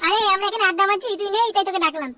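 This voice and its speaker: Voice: very high-pitched, racing, very noisy. A performer voicing a cocky, foul-mouthed teenage boy who brags and coaxes his friend in a cartoon comedy. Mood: coaxing. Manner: crude swearing, boastful, coaxing.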